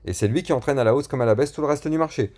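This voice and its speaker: A man's voice: mid-range voice, rapid-fire, a little mellow. Male crypto YouTuber, casual and slangy, filler-heavy chart walkthrough. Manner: chatty, with frequent fillers and slang. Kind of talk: chart analysis and channel promotion.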